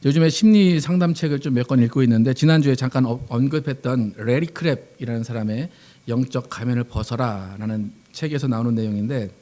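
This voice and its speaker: A man's voice: mid-range voice, brisk, dark tone. A man, a pastor, preaching a Sunday sermon in a conversational way, asking the congregation questions and acting out quoted lines.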